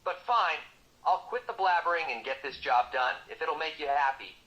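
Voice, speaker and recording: Man playing a cocky motor-mouth merc, sarcastic and teasing, higher voice, lively swoops, bright tone, lo-fi sound. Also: moderate pace. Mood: mock-hurt. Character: boastful wisecracking male mercenary, motor-mouthed. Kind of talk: comic banter dialogue.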